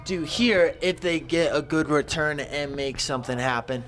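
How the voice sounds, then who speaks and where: A man doing excitable, rambling color commentation on a football game. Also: a little high, normal speed. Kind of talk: live sports commentary.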